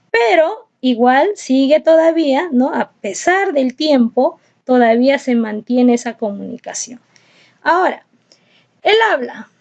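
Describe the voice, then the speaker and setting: A high-pitched woman teaches a class. She explains step by step, posing questions and answering them herself. The recording sounds dull and lo-fi. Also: a little mellow. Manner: explanatory, asks and answers her own questions.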